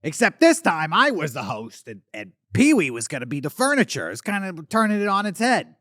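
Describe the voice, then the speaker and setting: A man's voice: sits high, huge pitch swings, brisk, fairly bright tone, no room sound, studio quality, full character voice. A man voicing a washed-up male alien star from the eighties who rambles and slurs, swinging between boasting and muttering, in a comedic monologue. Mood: maudlin. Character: washed-up male 80s alien puppet star, boozy and bitter. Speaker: talk show host character.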